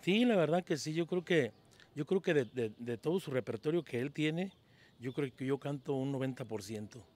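A local Mexican singer in his fifties gives a casual street interview in a town plaza at dawn, answering humbly and hesitantly and repeating words often. The interviewer holds a handheld mic for him. His mid-range voice is animated and darkish, at a moderate pace.

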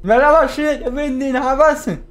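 A man commentating a horror game for his viewers, chatting to them and yelping and shouting when frightened. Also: extremely high pitch, fast. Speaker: gaming YouTuber.

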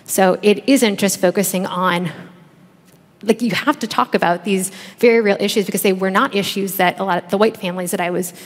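A woman's voice: mid-range voice, fairly even intonation, a little fast. Woman, 30s, panel researcher; searching, filler-heavy delivery; big reverberant hall. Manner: thoughtful, many fillers and restarts. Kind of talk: panel discussion answer. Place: large conference stage. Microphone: headset mic. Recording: long reverb of a large hall.

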